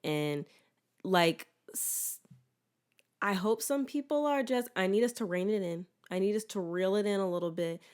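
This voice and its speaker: A woman's voice: mid-range voice, moderate pace, a little mellow, smooth. An American woman hosting a casual solo sports podcast with a swollen throat, rambling candidly in a slangy, self-deprecating way. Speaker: podcast host.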